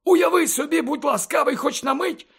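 A man voicing an elderly wizard headmaster who lectures urgently and emphatically, often close to shouting, in an audiobook reading. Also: extremely high pitch, moderate pace, voice pushed up. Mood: impassioned. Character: elderly male wizard headmaster, fervent and impassioned.

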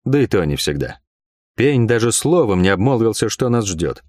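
A man narrating a first-person fantasy audiobook in a wry, expressive way. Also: on the low side, moderate pace, no echo, studio quality.

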